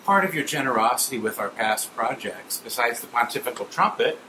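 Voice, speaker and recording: A middle-aged man, a cathedral organist and music director, giving a measured, explanatory presentation to supporters. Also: mid-range voice, expressive, echoey room, heavy background noise. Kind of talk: guided presentation to donors. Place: large cathedral organ gallery, indoors.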